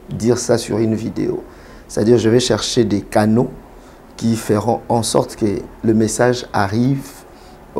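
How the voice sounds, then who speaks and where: A man from Kinshasa, a pastor and prophet, answering interview questions in a measured way with many hesitations. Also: medium pitch, mellow, slightly rough. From Congo (Kinshasa).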